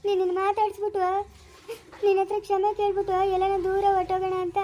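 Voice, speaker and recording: A woman's voice: extremely high pitch, completely flat delivery, quick pace, warm tone, a little hiss or hum. A woman playing a pleading mother-in-law. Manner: pleading, apologetic. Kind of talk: family village drama.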